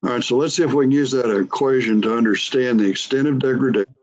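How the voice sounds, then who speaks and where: A man's voice: mid-range voice, quick pace, darkish tone, dull audio. A man presenting a technical webinar in a methodical, explanatory way, his online call audio cutting out in places. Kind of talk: technical lecture. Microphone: computer mic on a video call.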